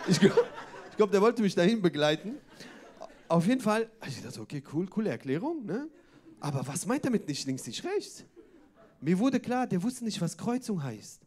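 A man's voice: sits high, big pitch swings, moderate pace, darkish tone. A man doing a stand-up comedy set on a club stage, chatty and full of wordplay and tag questions.

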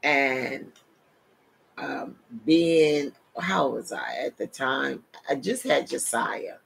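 Seated in a desk chair in her home office, a middle-aged New York woman, a preacher and show host, delivers a sermon-style testimony over a webcam. Her New York accent has Caribbean touches, and she speaks animatedly, gesturing with her hands and calling listeners "people". Her bass voice is very slow, gravelly and slightly rough.

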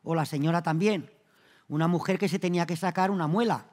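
A man from Spain performs a comic monologue on a theatre stage, acting out each character in his jokes with a raised, louder voice. His speaking voice sits high for a man. The sound carries the long reverb of a large hall. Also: a little fast. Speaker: stand-up comedian. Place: theatre stage before an audience.

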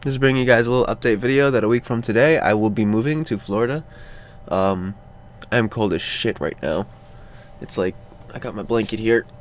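A man's voice: on the low side, brisk, a little hiss or hum. Sleepy young guy rambling in a vlog. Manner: drowsy and rambling, lots of ums and sighs. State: sleepy, just woke up. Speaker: vlogger. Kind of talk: casual update vlog. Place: cold room at home, under a blanket.

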